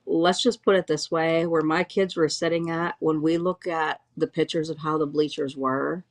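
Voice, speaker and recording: Shaken woman with a low, halting voice. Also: steady tone. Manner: halting, restarts often, voice full of distress. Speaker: eyewitness interviewee. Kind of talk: emotional first-hand account. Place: at home, dog nearby.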